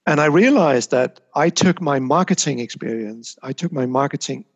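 The recording is muffled, but this medium-pitched, slightly rough man sounds lively as he speaks at a normal pace. He is a communications consultant guesting on a casual interview, musing about his career with many small restarts.

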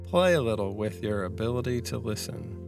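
A man giving a reflective guided mindfulness talk in a measured, unhurried way, with pauses between short phrases. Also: lowish voice, animated, creaky, over music. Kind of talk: slow guided meditation, reflective talk on anxiety.

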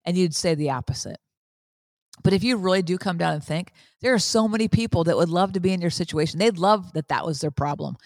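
A woman in her fifties giving a motivational faith talk as podcast host, earnest and preachy, repeating phrases and jumping up in pitch when she stresses a point. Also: fairly quick, no room sound, clean studio sound. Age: 50s.

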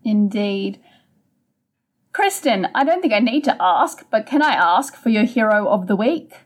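A woman's voice: mid-range voice, measured pace. A woman co-hosting a book podcast, steadily retelling the plot in a casual conversational way. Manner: steady storytelling, summarizing the plot. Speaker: podcast co-host.

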